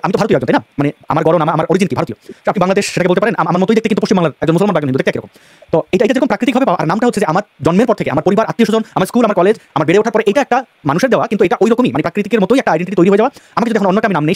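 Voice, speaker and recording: A man from Bangladesh hosts a live online talk show in a high, quick voice. He speaks with fillers and restarts, and the sound is dry and close. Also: darkish tone, no echo. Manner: fast, many fillers and restarts. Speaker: host.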